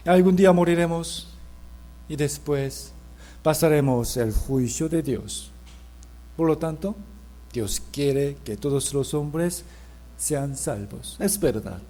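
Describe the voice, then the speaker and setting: A mellow, fairly high-pitched male voice belongs to a preacher at a church Bible seminar. He asks rhetorical questions and guides the congregation as they read scripture aloud together.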